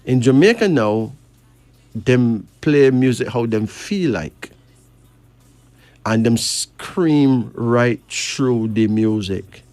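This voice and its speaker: A man's voice: medium pitch, animated, very slow, darkish tone, dry recording, faint music behind. A man from Barbados, chatting and reading cards, emphatic with rising questions. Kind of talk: casual chat and card reading.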